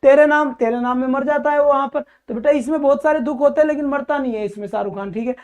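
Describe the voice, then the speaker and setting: High-voiced woman teaching an exam class. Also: fast talker. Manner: asks questions and answers them herself; calls the students "child" affectionately. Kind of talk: exam-prep lecture. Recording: dull lo-fi recording.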